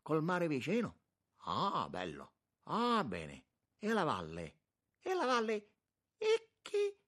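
A man's voice: a little high, huge pitch swings, slow, fairly bright tone, pitched above the performer's own voice, full character voice. A man voicing a jovial, effusive elderly bishop who gushes with exclamations in a raised voice. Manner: exclamatory, gushing.

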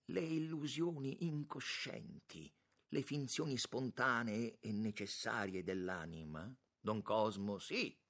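Deep husky male audiobook narrator. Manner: measured, expressive reading. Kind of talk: scripted literary narration.

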